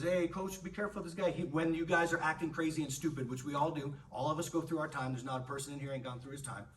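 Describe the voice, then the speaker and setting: Coach guy hyping up his gym class at a belt ceremony, kinda high bright voice, heard from across the room w some background hum. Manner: animated, emphatic, swears freely. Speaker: martial arts coach. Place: martial arts gym, indoors. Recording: distant voice with faint room noise.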